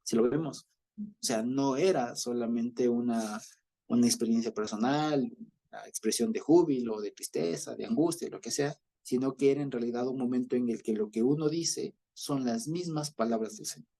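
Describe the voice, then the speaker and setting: A man with an Ecuadorian accent teaching a Bible study, explaining slowly and often checking that his listeners follow. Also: mid-range voice, gravelly, mellow. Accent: Ecuadorian Spanish. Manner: explanatory, repeats himself with many fillers and checks for understanding. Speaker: preacher.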